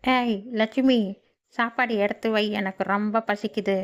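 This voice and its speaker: A woman voicing a drunken, bullying husband who talks gruffly and scornfully. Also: a little high, steady tone, normal speed, natural voice.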